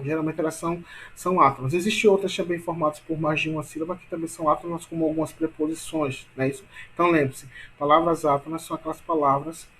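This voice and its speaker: Teaching grammar online from his computer, a man with a somewhat high, fairly bright voice explains patiently and repeats himself, leaning on fillers. He checks in with frequent tag questions and stretches key words slowly for emphasis, over slight background noise.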